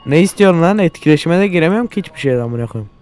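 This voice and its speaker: A man's voice: on the high side, expressive, rapid-fire, noisy background. A young man hosting a let's-play, commenting crudely with constant swearing and exasperated outbursts. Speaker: gaming channel host.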